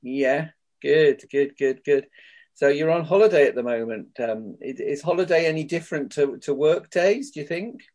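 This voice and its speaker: A man hosts an interview over a video call. He asks questions gently and affirms often with short replies. His voice sits at an ordinary male pitch. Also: moderate pace.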